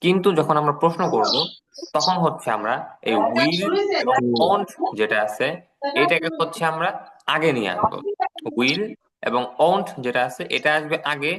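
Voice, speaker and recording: A man's voice: fairly high pitch, lively intonation, moderate pace, over music. A man with a Bangladeshi Bengali accent teaching an English class, patiently repeating each word and translating it. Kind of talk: online class lecture.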